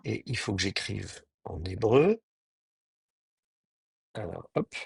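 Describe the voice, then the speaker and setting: A man teaching an online Hebrew class, talking in a halting way with many fillers and restarts, and sounding out Hebrew words slowly. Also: fairly low pitch, animated, vocal fry, breathy edge, no room sound, clean studio sound.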